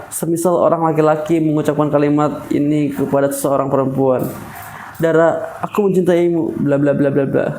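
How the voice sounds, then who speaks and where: A young man with a slightly high voice reads a speaking lesson from a book, steady and instructive. He slips into relaxed, slangy asides between passages. A faint hiss of noise sits under the recording. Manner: reads in a lecturing tone, then breaks into casual slangy chat. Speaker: public speaking practice host. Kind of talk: reading from a book aloud, with casual asides.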